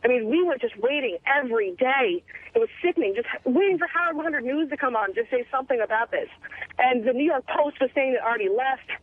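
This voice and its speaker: A woman's voice: high-pitched, lively intonation, fast talker, breathy edge. A woman calling in to a radio talk show, complaining and rambling with fillers. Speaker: caller. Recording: tinny phone line, dry.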